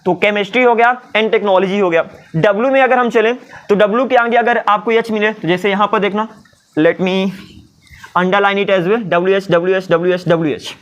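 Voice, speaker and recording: Teaching English pronunciation in a lesson mixing Hindi and English, this man speaks briskly in a high voice over lo-fi sound. He stays lively, posing questions and answering them himself, even playing the parts of imaginary students.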